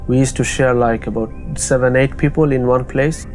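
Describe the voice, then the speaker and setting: A young man, telling his own story in a halting, soft-spoken way with many pauses and restarts. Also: mid-range voice, fairly even intonation, soft background music. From Bangladesh. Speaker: interviewee. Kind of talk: personal testimony.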